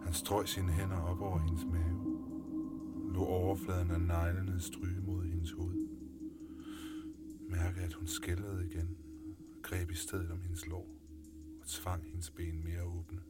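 A man narrating a scripted story in a calm, low-key way. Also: pauses often. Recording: music playing underneath.

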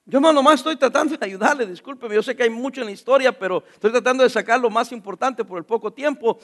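A male pastor preaching a sermon, shifting between loud exhortation and soft confiding asides, joking with the congregation and calling them brother. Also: very high voice, fast talker.

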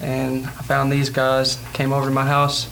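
A man's voice: mid-range voice, monotone, normal speed, creaky, fairly bright tone, slight background noise, low-quality recording. A young man, a drummer answering interview questions in a laid-back, matter-of-fact way. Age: young adult. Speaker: band drummer.

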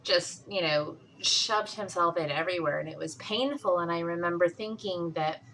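A woman's voice: lowish voice, moderate pace, fairly bright tone, a little hiss or hum, poor audio. A young adult woman speaking candidly and bluntly in casual conversation, swearing freely as she tells her own story.

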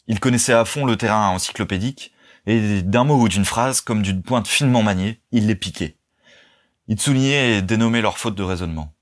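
A man reading a novel aloud as narrator, in a measured, even storytelling manner. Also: fairly low pitch. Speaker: audiobook narrator. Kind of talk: scripted narration.

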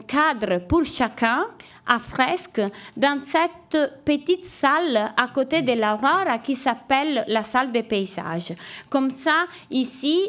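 A woman giving an academic lecture as a guest speaker, pausing and searching for words. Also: a little high, fairly bright tone.

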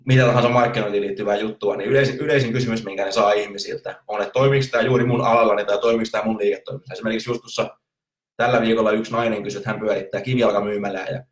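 A man's voice: on the low side, fairly even intonation, reverberant. A man hosting a podcast, giving marketing advice in a rambling monologue with many restarts. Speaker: podcast host, marketing coach. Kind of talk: casual monologue.

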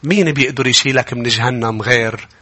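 A man with a Lebanese accent preaching a sermon, swinging from quiet, close speech to loud, impassioned peaks. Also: medium pitch, a little fast, breathy edge. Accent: Lebanese Arabic. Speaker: pastor.

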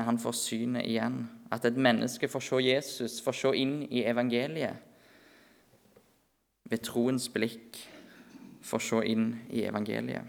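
Gravelly preacher, earnest sermon. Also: male voice, medium pitch. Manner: earnest, slows and softens for emphasis. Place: church meeting.

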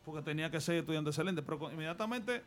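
A man's voice: on the high side, lively intonation, very fast. A man from the Dominican Republic with a Dominican accent, telling his life story earnestly as a radio studio guest and offering advice. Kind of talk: personal storytelling in a radio interview.

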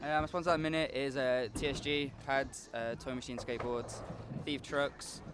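A man's voice: medium pitch, steady tone, normal speed, heavy background noise. A nineteen-year-old man from Liverpool, a skateboarder being interviewed at an outdoor event, who answers hesitantly with many filler sounds. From Liverpool, England. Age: young adult, 19.

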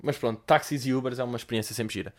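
A young man with a European Portuguese accent, a podcast host telling comic stories in a profane, animated, conversational way. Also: mid-range voice, racing. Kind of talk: comedic storytelling.

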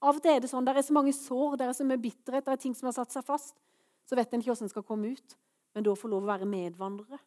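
A woman's voice: fairly high pitch, fairly even intonation, darkish tone. A woman preaching a sermon to her congregation, earnest and rising to fervent proclamation.

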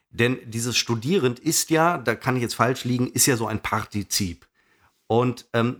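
A man co-hosting a casual chat, excitable and rambling, often losing his thread. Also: mid-range voice. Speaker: podcast co-host.

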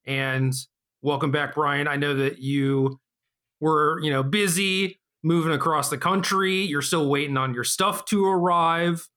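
A man's voice: on the high side, steady tone, a little slow, sharp tone. A man hosting a podcast, chatting casually with his co-host.

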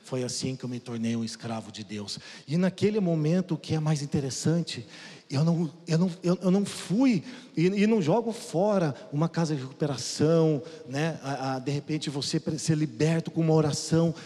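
A man giving an emotional testimony sermon to the congregation, swinging between loud and soft and often calling out to his brothers. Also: on the high side, fairly quick. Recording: long hall reverb.

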